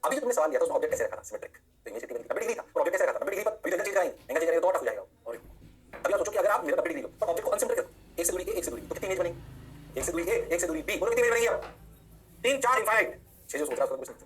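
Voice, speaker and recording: A man teaching an energetic physics lecture, often answering his own questions in a student's voice. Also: sits high, very fast. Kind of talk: online lecture.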